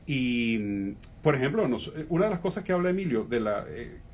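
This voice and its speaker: A man with a Venezuelan accent, a humorist guest in a radio interview, talking reflectively with many fillers and pauses. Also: medium pitch, sing-song, a little mellow, a little hiss or hum.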